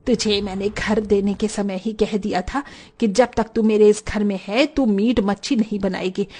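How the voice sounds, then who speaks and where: A woman voicing a short-tempered, strict older landlady in an animated story, scolding and shouting. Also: mid-range voice, moderate pace, lightly acted. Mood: angry scolding.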